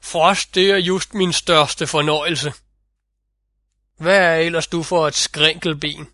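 A man's voice: a little high, level tone, sharp tone, dry recording, clean studio sound. A man voicing the boastful male North Wind in a fairy-tale audiobook reading. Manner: boastful, vivid storytelling.

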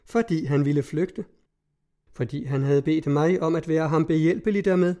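Young woman snapping back in despair, man reading her, mellow tone, audiobook. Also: on the high side, lightly acted. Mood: desperate. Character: desperate defiant young woman.

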